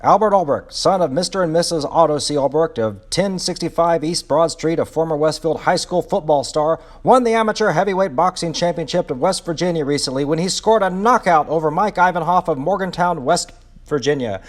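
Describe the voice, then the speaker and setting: Man doing a 1930s sports commentator, excited, high, loud, punchy newsreel delivery. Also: natural voice. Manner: brassy, rapid newsreel announcer delivery.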